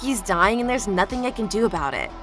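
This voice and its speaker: A woman's voice: mid-range voice, animated, fairly quick, over music. A woman reading a scripted news narration as the narrator.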